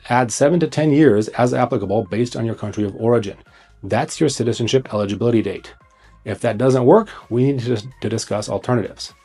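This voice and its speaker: An immigration consultant hosts a to-camera segment, his medium-pitched voice warm with a breathy edge. He reads scripted advice bluntly and urgently, in short, punchy, emphatic bursts.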